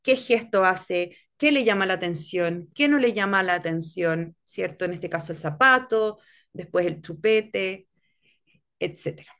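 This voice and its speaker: A woman's voice: on the low side, unhurried, a bit bright. A woman leading a teacher training workshop, explaining step by step and often checking in with her listeners. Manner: explanatory, checks in with frequent "¿cierto?". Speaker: workshop instructor. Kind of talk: online teacher training lecture.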